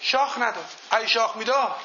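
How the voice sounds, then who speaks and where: Very high-pitched, bright-voiced male motivational speaker. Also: expressive. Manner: tells folk anecdotes and quizzes the audience. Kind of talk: motivational seminar talk. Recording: dull lo-fi recording.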